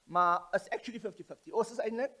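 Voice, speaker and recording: A man's voice: high voice, fast, bright, forceful tone. A man with a Cape Town accent co-hosting a casual vodcast chat, joking and switching between English and Afrikaans. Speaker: co-host.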